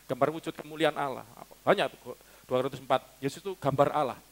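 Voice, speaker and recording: A man's voice: mid-range voice, fast talker. A man preaching a sermon to his congregation, teaching casually, quizzing listeners and laughing now and then. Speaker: pastor. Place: church hall.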